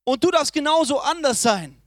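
A young man preaching a sermon, swinging between loud emphatic lines and soft, low asides. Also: lively intonation, normal speed, no room sound, studio quality.

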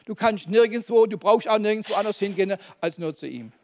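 A man's voice: high-pitched, brisk, a little hiss or hum. A man preaching a sermon to a congregation, emphatic, calling out Amens and asking the room questions. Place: church hall. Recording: long hall reverb.

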